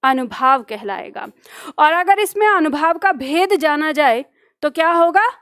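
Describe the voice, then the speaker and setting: High-voiced woman teaching literature. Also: expressive, measured pace, a bit bright, dry recording, clean studio sound. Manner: asks questions and answers them herself; explains verses line by line in plain words. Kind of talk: Hindi literature lesson.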